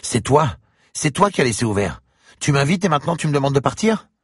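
A man's voice: mid-range voice, very animated, a little fast, husky, no room sound, clean studio sound, pitched above the performer's own voice. A man doing an eerie little girl. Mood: pleading. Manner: urgent, repeats herself. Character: eerie insistent little girl, night visitor. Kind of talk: audiobook character voice.

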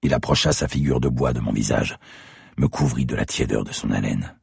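A man narrating a dark first-person thriller in a measured, tense way. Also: a bass voice, gravelly, husky, no echo, clean studio sound. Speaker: audiobook narrator.

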